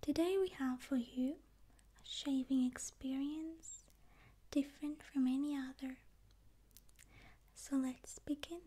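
A woman whispering slowly and softly through an ASMR spa roleplay, with long pauses between her words. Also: high-pitched, fairly even intonation.

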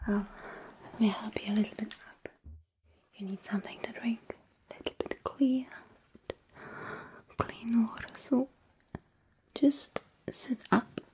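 A woman whispering softly and gently in an ASMR roleplay, caring for someone as a nurse-like caregiver. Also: a little high, rough recording. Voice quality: breathy whisper. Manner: soft, gentle, slow whispering. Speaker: ASMR performer.

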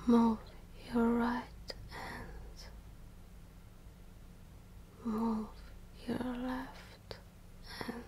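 A woman whispering an ASMR pep talk of positive affirmations in short, repeated phrases with long pauses. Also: a little high, flat delivery, dark tone, a little hiss or hum. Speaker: ASMR host.

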